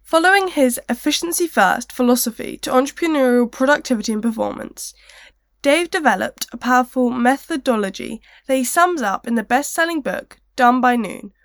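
A woman with a slightly high-pitched voice delivers a scripted introduction as co-presenter. She reads prepared biographical narration. The recording is very dry and close. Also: expressive, moderate pace, no echo.

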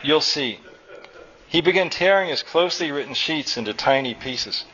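A man's voice: a little high, lively intonation, brisk, bright, forceful tone, breathy edge. Man reading fiction, muffled recording. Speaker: author reading his story. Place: college reading event. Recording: dull lo-fi live recording.

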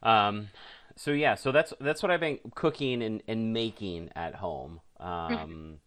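A man co-hosting a casual chat, talking haltingly with many fillers and dry jokes. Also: fairly low pitch, a bit bright. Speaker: co-host.

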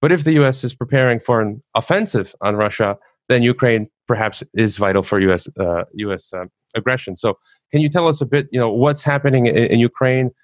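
A man hosts an interview, his voice mid-pitched and recorded dry with no room sound. He winds through a long setup, with fillers along the way, before he finally asks his question. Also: fairly quick, no echo. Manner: long wind-up before asking.

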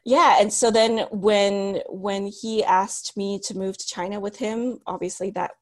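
A woman in her thirties from the United States, whose first language is Cantonese, tells her story as an interview guest and author. Her mid-range voice keeps a fairly even intonation at a measured pace, and she is reflective, restarting often with many ums and soft laughs.

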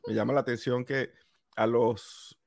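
Venezuelan man explaining calmly. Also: mid-range voice, unhurried, vocal fry, no room sound, studio quality. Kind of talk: casual chat.

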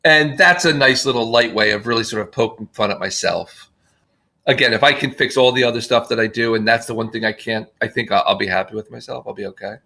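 A man chatting as a podcast guest, rambling and self-deprecating, often restarting his sentences. His voice has a gravelly edge. Its tone is bright and forward. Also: mid-range voice, fast talker. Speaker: guest filmmaker. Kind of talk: casual podcast conversation.

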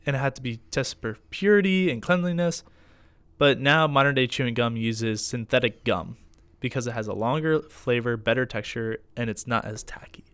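A man's voice: mid-range voice, normal speed, fairly bright tone, clean tone. Playful rambling man co-hosting a podcast. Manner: playful, rambling, fumbles words. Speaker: podcast co-host. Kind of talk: casual chat.

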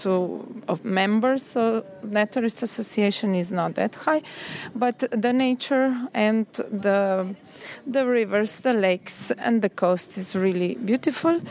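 Slow-paced woman with a Slovenian accent. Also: mid-range voice, darkish tone. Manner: halting, searching for words. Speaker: president of a national naturist federation. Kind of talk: informal spoken presentation.

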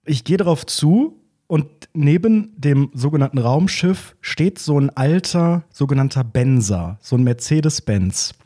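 Husky man telling a story. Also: on the high side, unhurried. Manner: lively anecdote-telling, acts out dialogue. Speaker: podcast co-host. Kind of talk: casual chat, storytelling.

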